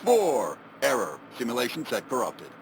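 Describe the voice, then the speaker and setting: A man's voice: mid-range voice, wildly swooping pitch, normal speed, noisy background. An actor voicing a malfunctioning male simulation robot in a video game, his announcements breaking down into glitching error messages.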